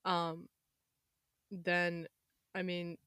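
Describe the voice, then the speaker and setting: Young woman, slightly hoarse, lowish and dry. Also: monotone, very slow, a bit bright, no echo. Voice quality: slightly hoarse, losing her voice. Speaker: podcast host. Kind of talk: casual chat.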